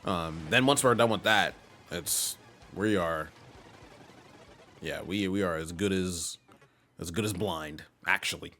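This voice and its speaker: A man's voice: low voice, takes it slowly, pauses often, bright, forceful tone, a little hiss or hum. A man streaming a game playthrough, making joking, sarcastic asides. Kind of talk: let's play commentary.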